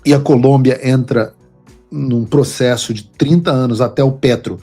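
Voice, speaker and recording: A man's voice: mid-range voice, fairly even intonation, moderate pace, mellow, faint music behind. A man hosting a political commentary show, talking in an emphatic, lecturing way.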